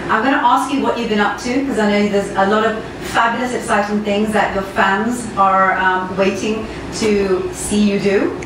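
An enthusiastic woman in her forties hosts an interview, gushing and peppering her questions with ums. Her voice carries a heavy room echo, picked up by a mic set some way off, with a steady hum of noise underneath. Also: medium pitch, normal speed, few pauses. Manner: effusive, enthusiastic, many ums. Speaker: interview host. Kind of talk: conversational interview. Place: studio set with red wall. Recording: echoey room, mic at a distance, audible room noise.

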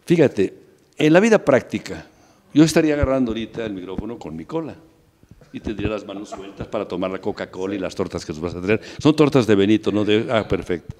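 A man with a low voice and a Mexican accent muses playfully in loose studio banter, a talk show host who jokes and wanders. His voice hangs in a long studio reverb. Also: lively intonation, fast talker, a little mellow. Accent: Mexican Spanish. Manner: playful, rambling, joking musings.

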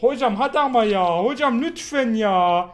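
A young man commentating mobile football pack openings, shouting hype at the game and groaning when the luck turns bad. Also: extremely high pitch, animated, normal speed.

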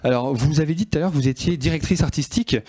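A man's voice: a little high, racing, darkish tone, slightly rough. A man hosting a casual radio interview, talking hesitantly with many restarts.

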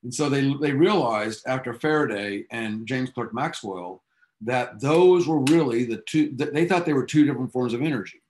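Man, physics teacher, classroom lecture, enthusiastic storyteller, casual asides, mid-range pitch. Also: moderate pace, darkish tone, a little hiss or hum.

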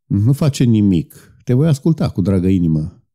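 A man voicing a solemn, patient outlaw leader who speaks calmly and persuasively in an audiobook. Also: on the low side. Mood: gentle. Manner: calm, gentle, persuasive.

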